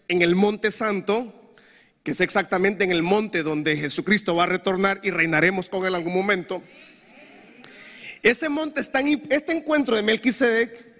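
High bright young preacher in a reverberant hall. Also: male voice. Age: young adult. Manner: animated, engages congregation with call-and-response. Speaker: pastor. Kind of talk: sermon.

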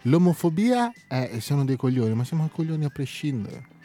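A woman using a disguised deep voice as a guest in comic radio banter, blunt and swearing casually. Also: big pitch swings, moderate pace. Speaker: studio guest.

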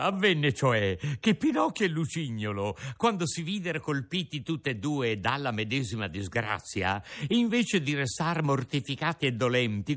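A man narrating a classic children's tale aloud, in an expressive, theatrical way. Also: medium pitch. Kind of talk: storybook reading.

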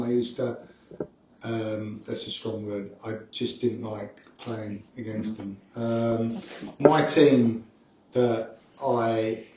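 A man's voice: mid-range voice, a little mellow. A man chatting casually as a panellist about his own experience. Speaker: panellist, former rugby player. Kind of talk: casual chat. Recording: echoey room, dull sound, some noise.

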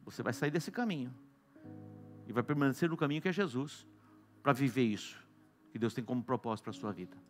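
A Brazilian man preaching a sermon, swinging between loud exclamations and soft hushed lines. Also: mid-range voice, fairly quick, pauses often, soft background music. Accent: Brazilian Portuguese. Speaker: apostle preaching.

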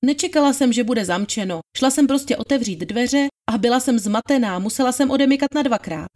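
In a dramatized trial reading, a woman voices a young housemaid who testifies with deference, answering plainly and politely. She sounds natural, with a somewhat high, animated and gently mellow voice.

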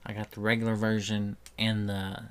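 A man's voice: lowish voice, monotone, a bit bright, smooth. A man, co-hosting a casual podcast and chatting in a rambling way with dry jokes. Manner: slow, rambling, dry joking. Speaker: podcast co-host.

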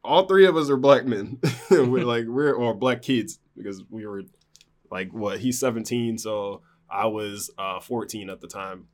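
A guest with a lowish voice recounts a personal story in unhurried, casual conversation. He rambles, using many fillers and restarts.

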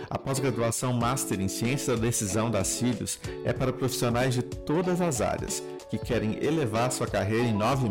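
Male podcast host, mid-pitched and upbeat, with guitar music clearly under the voice. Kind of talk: podcast hosting and sponsor read.

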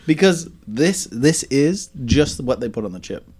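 Animated joking man, loud swings. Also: mid-range voice, a little slow, slightly rough. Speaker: podcast co-host. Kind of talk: casual chat while eating snacks.

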